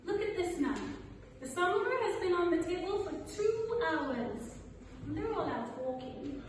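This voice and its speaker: A grumbling old household nurse in a stage play, read from a script by a woman, scolds and exclaims in a high female voice. It is heard in a reverberant hall with clear background noise. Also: expressive, measured pace, far from the mic. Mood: indignant grumbling.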